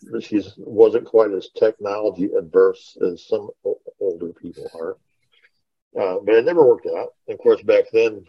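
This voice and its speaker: A middle-aged man with a lowish, husky voice hosts a podcast over an online call, casually reminiscing through rambling, informal stories. The recording is dry, with dull, lo-fi call audio.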